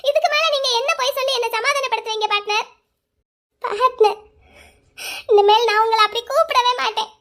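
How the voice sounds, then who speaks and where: A woman voicing a hurt young wife in a cartoon drama, crying and accusing her husband loudly. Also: extremely high pitch, brisk, pauses often. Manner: loud, accusing, bitter. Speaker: voice actor.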